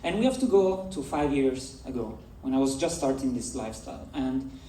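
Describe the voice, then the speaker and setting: A man's voice: medium pitch, animated, normal speed, warm tone, a little hiss or hum. Italian-accented man telling a story on stage. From Italy. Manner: engaging, addresses the audience directly. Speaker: conference speaker. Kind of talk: storytelling keynote talk. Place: large festival stage. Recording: echoey hall, voice from far off.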